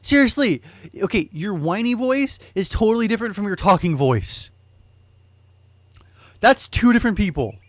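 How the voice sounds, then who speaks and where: Male let's-play host, slightly high voice, blunt and sweary gameplay commentary. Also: animated, normal speed, pauses often, no room sound.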